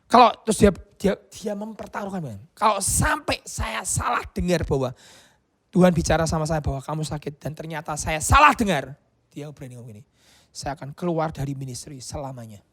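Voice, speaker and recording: Man preaching a sermon, high voice, lively swooping delivery, storytelling, acted-out quotes. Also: fairly quick. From Indonesia. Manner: animated storytelling preacher, mixing in English phrases; acts out child's voice in high pitch. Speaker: pastor.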